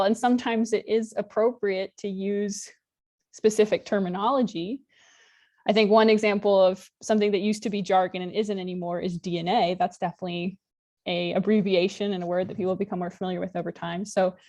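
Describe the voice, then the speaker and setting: A woman's voice: mid-range voice, darkish tone. Woman giving an informal online lecture. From Alaska, United States. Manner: friendly, conversational, with occasional fillers. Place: home room with virtual background. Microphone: laptop webcam mic on a video call.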